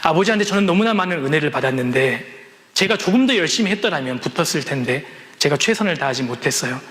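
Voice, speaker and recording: A man's voice: a little high, expressive, fast, fairly bright tone. A man doing a tearful, ashamed young son. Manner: tearful, pleading apology. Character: despairing young man, a failed exam student. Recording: long reverb in a large hall.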